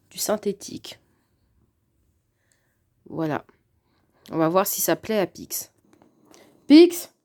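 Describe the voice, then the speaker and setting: A woman chatting casually through an unboxing of a cat subscription box, often pausing with fillers. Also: medium pitch, darkish tone. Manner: chatty, hesitant with frequent fillers.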